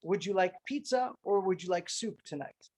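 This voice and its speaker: A man's voice: high voice, animated, normal speed, darkish tone. A middle-aged man giving an informal training talk to fellow emissaries, earnest, repeating words for emphasis and using Hebrew and Yiddish terms. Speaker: rabbi addressing fellow Chabad emissaries.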